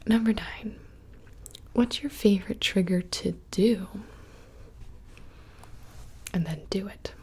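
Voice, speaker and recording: A woman's voice: medium pitch, slow, long pauses, darkish tone, breathy edge. A young woman whispering casually and close to the microphone, rambling through questions in an ASMR video. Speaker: ASMR creator. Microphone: close studio microphone.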